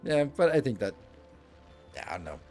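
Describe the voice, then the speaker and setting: A middle-aged Danish man with a Danish accent hosts a gaming livestream, chatting casually and self-deprecatingly with viewers while he plays, rambling and restarting his sentences. His voice is medium-pitched, sing-song, and darkish, at a moderate pace, with faint music behind.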